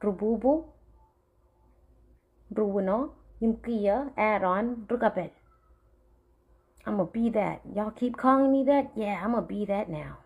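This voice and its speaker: A young woman from the Marshall Islands, ranting straight to camera in a profane, threatening way that sometimes sinks to a low, menacing murmur. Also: slow pace, pauses often, slightly rough, narrow, tinny audio. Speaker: vlogger. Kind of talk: angry direct-to-camera rant.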